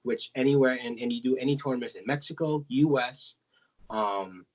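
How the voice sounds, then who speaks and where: A man's voice: mid-range voice, normal speed, dull audio. A man from the States talking loosely on a podcast. He rambles along with lots of ums and restarts, catching and fixing his own mistakes as he explains. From United States. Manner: rambling, self-correcting, many fillers. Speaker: podcast co-host. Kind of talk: casual podcast chat.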